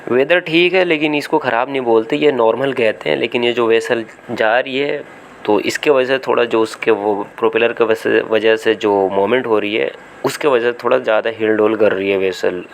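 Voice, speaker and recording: Filming on his phone from a small boat at sea, this male seafarer vlogger with an Indian Hindi accent offers loose commentary full of fillers and restarts as he thinks aloud. His mid-range voice holds a steady tone at a moderate pace, with slight background noise.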